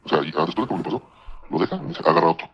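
Speaking fast and animatedly, a man with a Mexican accent races through a personal story as a guest on a casual podcast, doing voices when he quotes others. His voice is very low and husky. The audio is dull and lo-fi.

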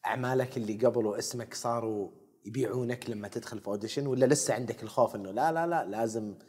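A man's voice: mid-range voice, very fast, darkish tone, slightly rough. A man hosting a podcast, asking encouraging, probing questions in casual chat. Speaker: podcast host.

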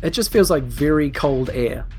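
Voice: mid-range voice, animated, moderate pace, darkish tone, faint music behind. A game master casually narrating a tabletop game and explaining the rules.

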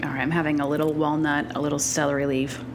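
Low-voiced sardonic woman chatting. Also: level tone, fast talker, noisy background. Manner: sardonic, crude, chewing while talking. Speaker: podcast co-host. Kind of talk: casual chat, food tasting.

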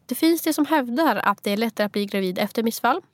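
A young woman from Sweden co-hosts a casual podcast. She tells stories in a lively, animated way. Her voice is a little high and sounds dry and close to the mic. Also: dry recording. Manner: lively storyteller, animated retelling. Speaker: podcast co-host. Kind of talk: casual chat.

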